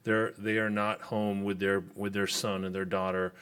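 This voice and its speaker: A man with a very deep, flat voice speaking at a public meeting. He talks haltingly and repeats his words as he goes. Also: smooth. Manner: halting, repetitive. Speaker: resident giving public comment.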